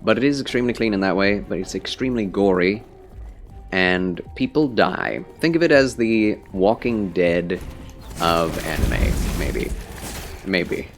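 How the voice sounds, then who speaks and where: A man with a fairly low, scratchy and slightly phlegmy voice is live streaming a game. He talks in a casual, rambling way to his viewers, sounding tired and under the weather. Music plays clearly behind him. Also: animated, normal speed. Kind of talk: casual livestream chat with game commentary.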